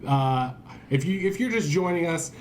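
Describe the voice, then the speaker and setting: A man's voice: fairly high pitch, lively intonation, moderate pace, darkish tone, lightly acted. Guy acting as flustered griping podcast dude, rambly and sweary, audio drama, noise behind him. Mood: joking, weary. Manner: rambling, stammering, sweary, exasperated. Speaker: podcast host character. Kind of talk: audio drama acted as casual podcast chat. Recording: clearly noisy background.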